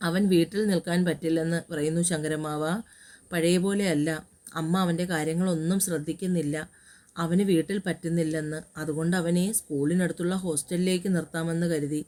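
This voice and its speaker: A woman voicing a young woman who is sad but holding firm, speaking quietly and earnestly in an audio story. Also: deep voice, fairly even intonation, brisk, lightly acted.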